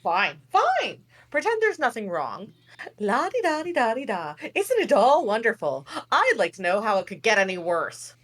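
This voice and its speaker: A woman's voice: on the high side, wildly swooping pitch, normal speed, fairly bright tone, exaggerated voice. Woman reading King Harold, flustered old king. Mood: grumbling. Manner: fretful, stammering, dramatic sighs. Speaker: reader. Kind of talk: live table read.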